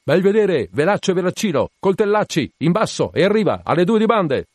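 A man voicing a fierce, obsessed whaling captain in an audiobook, shouting urgent, commanding orders to his crew in long, repeated cries. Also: medium pitch, moderate pace, no echo, studio quality, natural voice.

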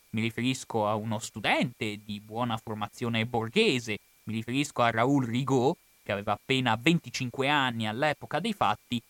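A man with an Italian accent giving a formal, measured spoken account of history, now and then correcting himself mid-phrase. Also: mid-range voice, a bit bright, no room sound. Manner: measured, formal delivery with occasional self-corrections. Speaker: history lecturer.

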